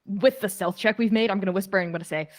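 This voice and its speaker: A woman's voice: mid-range voice, racing. A woman playing a tabletop role-playing game, chatting casually about her moves and laughing between actions. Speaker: player.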